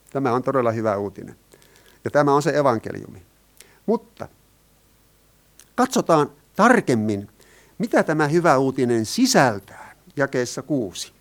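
A man preaching to a congregation, his voice at an ordinary middle pitch. He leans on key phrases and keeps turning to his listeners with questions. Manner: asks the listeners rhetorical questions, rises and falls in emphasis. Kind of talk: sermon.

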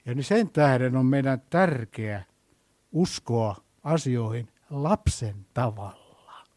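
A man preaching a sermon, telling a story and asking his listeners questions, his voice swinging between hushed and loud. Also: medium pitch, lively intonation.

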